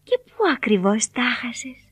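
A woman voicing a gentle, kind fairy who speaks softly and hushed. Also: fairly high pitch, slightly rough, no echo. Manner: hushed, soft-spoken.

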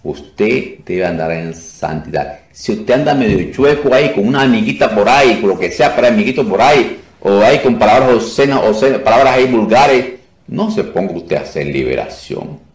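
A man with a fairly low voice gives an informal teaching talk on deliverance ministry, recorded a little way from the mic in an echoey room. He restarts his sentences often, repeats words, and keeps checking in with a quick "ok?". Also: lively intonation, recorded from a distance.

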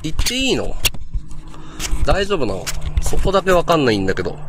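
A man's voice: a little high, wildly swooping pitch, fairly quick, background noise. A man livestreaming a ghost-hunting visit, talking to his viewers in a restless, frustrated way while fumbling with his gear. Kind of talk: live-streamed ghost-hunting vlog. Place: outdoors at an abandoned hotel at night.

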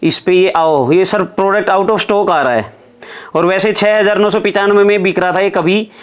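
Young vlogger dude, upbeat and impressed, voice a bit high, lapel mic in a shop. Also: male voice, moderate pace. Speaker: vlogger, show host. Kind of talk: casual shopping vlog chat. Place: indoor clothing warehouse shop.

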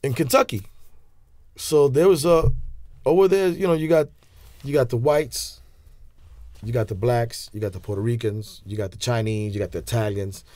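A man's voice: medium pitch, moderate pace, pauses often, dry recording. Bronx-accented man telling prison stories. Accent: New York. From New York. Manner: street slang, animated hand gestures, many restarts. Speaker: interview guest. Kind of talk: casual storytelling interview. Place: small studio with leather couch. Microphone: studio mic on stand.

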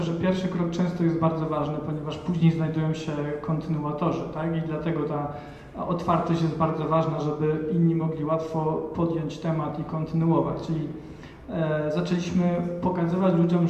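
A man in his thirties from Poland, a panel speaker, gives a reflective talk at an event in a large hall with an audience. He speaks hesitantly into a handheld mic, with many fillers and restarts, in a fairly high, mellow voice. The recording is echoey, distant and dull, with a little hiss or hum.

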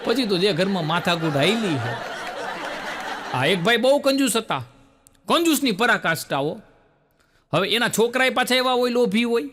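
A man's voice: high-pitched, big pitch swings, normal speed, long pauses, a bit bright. A man telling stand-up jokes on stage, acting out the people in his stories. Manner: storytelling with many quoted voices, punchlines met by laughter. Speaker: stand-up comedian. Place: stage show with a laughing audience.

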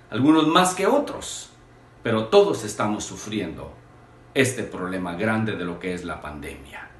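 An earnest man in his forties from Guatemala pleads to the camera with an animated, rising-and-falling delivery. His voice rings in a small, echoey room at home, recorded by a camera in front of him. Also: mid-range voice. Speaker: video appeal maker. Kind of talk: direct appeal to camera. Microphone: camera in front, medium shot.

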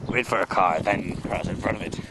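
A man behind a handheld camera outdoors, bossing a friend through silly tasks and yelling excitedly at times. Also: low voice, a little fast, noisy background. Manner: bossy and joking, breaks into excited yelling. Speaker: camera operator giving tasks. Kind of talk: goofy home-video comedy. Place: outdoors in a neighborhood.

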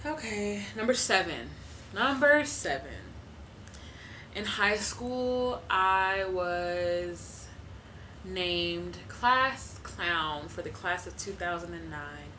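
A woman's voice: fairly low pitch, expressive, drawn-out words, pushed and bright, a little hiss or hum, low-quality recording. A woman in her twenties chatting casually to camera from her living room, talking loosely with lots of fillers and laughs. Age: 20s. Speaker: vlogger.

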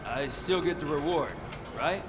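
A man's voice: a little high, a little slow, a crowd in the background, natural voice. An actor playing a cocky, impatient male criminal in a video game, pushing for money. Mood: pushy, indignant. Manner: pushy, cocky. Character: brazen, impatient male petty criminal demanding reward money.

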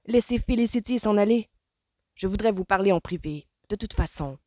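A woman reading an audiobook voices a charming young gentleman who speaks in firm, commanding outbursts. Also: mid-range voice, fairly quick, dry recording, clean studio sound, voice pushed up, lightly acted. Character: charming young gentleman losing patience, Colin.

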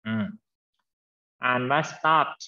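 A man teaching an English class online, quizzing students and explaining slowly and patiently over a video call. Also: a little high, sharp tone. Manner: patient, drawn-out explaining, calls students "child". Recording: slightly dull lo-fi sound.

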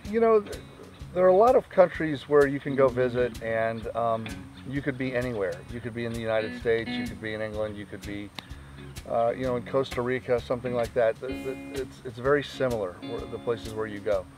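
Man, chatty, upbeat, middle pitch, outdoor interview, faint music. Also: a little fast. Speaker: birdwatching journalist. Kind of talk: interview answers.

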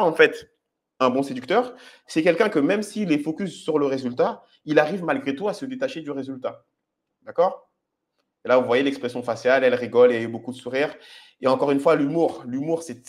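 A man's voice: medium pitch, brisk. A man comments on footage of his own approaches and explains his dating advice to viewers in a direct, instructive way, often checking in with "ok?". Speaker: dating coach.

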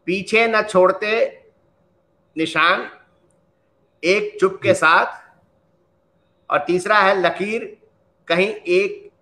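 Slow, measured male interviewer, bright tone. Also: high voice, steady tone, poor audio. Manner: slow, measured, with frequent hesitations. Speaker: interviewer and host. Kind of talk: formal Hindi interview introduction.

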